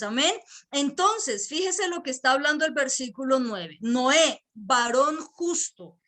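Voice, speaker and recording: A woman from Colombia preaching a sermon in an earnest way, repeating key words slowly for emphasis. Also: high voice, a bit bright. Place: church service streamed online.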